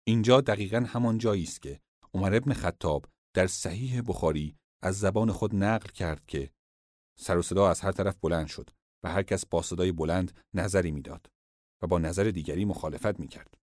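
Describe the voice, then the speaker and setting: A man giving formal, measured scripted narration of religious history. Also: low-pitched, a little mellow, no echo, clean studio sound.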